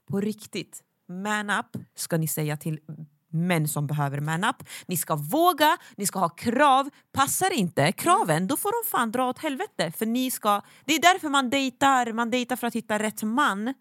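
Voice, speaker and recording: A woman's voice: fairly high pitch, expressive, fairly bright tone, dry recording, clean studio sound. A woman co-hosting a podcast, talking bluntly and emphatically, swearing freely in casual chat. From Sweden. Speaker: podcast co-host.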